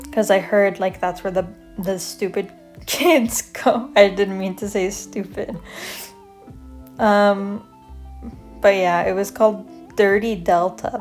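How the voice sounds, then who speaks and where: A soft-spoken young woman from Canada, casually telling stories about her school years in a rambling, self-deprecating way while she draws, with light music playing behind her. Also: mid-range voice. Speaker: vlogger. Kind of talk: casual storytelling over drawing.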